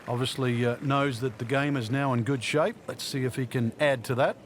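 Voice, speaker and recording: A man works as a golf commentary analyst, explaining play in a conversational way. His voice is medium in pitch, with slight outdoor noise behind it. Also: steady tone, normal speed. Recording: faint outdoor background noise.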